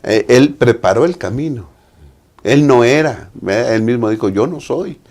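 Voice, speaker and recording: Speaking a little slowly in a medium-pitched, somewhat mellow voice, a man with a Mexican Spanish accent discusses the Sabbath school lesson. He is a pastor and delivers it in a preaching style, often tacking on tag questions.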